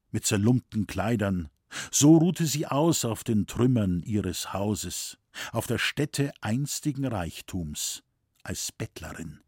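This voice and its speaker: A man reading a novel aloud with measured, solemn storytelling. He takes his time, his voice is slightly husky, and the sound is close and dry. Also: medium pitch, a little mellow, dry recording. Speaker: audiobook narrator. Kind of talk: scripted narration.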